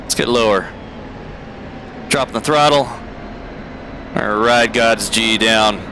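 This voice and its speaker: Man, flight sim player, unhurried casual gameplay commentary, muttering controls over clear engine noise. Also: on the low side. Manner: muttering key presses and thinking aloud. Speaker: flight simulator player giving a walkthrough. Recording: steady aircraft cockpit noise behind. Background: game aircraft engine drone.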